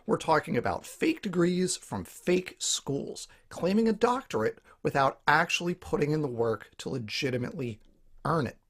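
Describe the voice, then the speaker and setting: Guy hosting his own channel, kinda husky voice, pitch jumps around a lot, dry critical explainer vibe. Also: sing-song, moderate pace, a bit bright. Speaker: YouTube channel host. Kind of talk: scripted commentary video.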